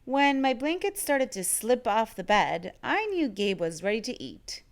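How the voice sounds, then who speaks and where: A woman reads a children's story aloud in an expressive storytelling style. Her voice is a little high and a little slow, with some vocal fry.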